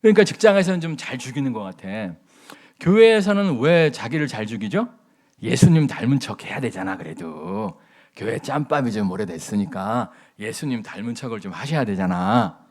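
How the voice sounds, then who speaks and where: A man's voice: medium pitch, animated, moderate pace, darkish tone. A middle-aged man preaching as a pastor, telling stories with folksy humor and acting out the quotes in his sermon.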